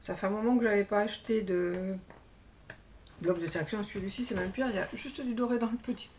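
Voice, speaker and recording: A woman's voice: medium pitch, fairly quick, a little mellow, recorded from a distance, a little hiss or hum. A woman chatting casually as she shows craft supplies, hesitating often with fillers. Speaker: crafting YouTuber. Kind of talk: casual show-and-tell haul.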